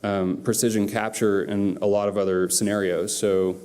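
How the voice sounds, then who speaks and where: A man's voice: on the low side, level tone, normal speed, darkish tone, smooth. A man giving a conference talk from the stage, speaking casually with lots of fillers. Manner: casual, loose presenter with many fillers. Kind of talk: conference presentation. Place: conference hall. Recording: long hall reverb.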